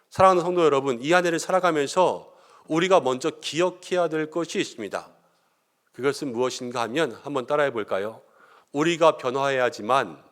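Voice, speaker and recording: A middle-aged male pastor preaching a sermon, animated and acting out the quoted lines. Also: fairly high pitch. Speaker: senior pastor.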